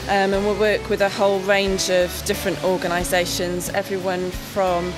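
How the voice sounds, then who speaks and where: A woman's voice: medium pitch, monotone, moderate pace, over music. A woman explaining her charity work informally in an interview. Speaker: charity worker being interviewed.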